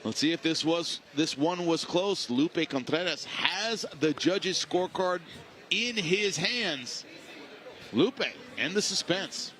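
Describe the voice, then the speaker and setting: A man's voice: a little high, lively intonation, takes it slowly, fairly bright tone. A man hosting live boxing commentary in emphatic, punchy short phrases. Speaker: boxing play-by-play commentator and broadcast host.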